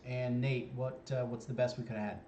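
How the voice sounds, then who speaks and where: Guy hosting a word game, calls letters n scores quick, dull lo-fi stream audio. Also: mid-range voice, level tone, warm tone. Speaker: game show host.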